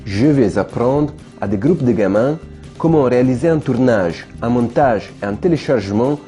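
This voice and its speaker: A man narrating his own documentary in a measured, reflective voice-over. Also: medium pitch, animated, mellow, soft background music. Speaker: filmmaker narrating his project.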